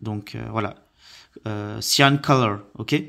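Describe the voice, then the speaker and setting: Hesitant man teaching vocabulary slowly. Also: fairly low pitch, creaky, bright, forceful tone. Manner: hesitant, many fillers, slow careful word repetition. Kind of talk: slide-based vocabulary lesson.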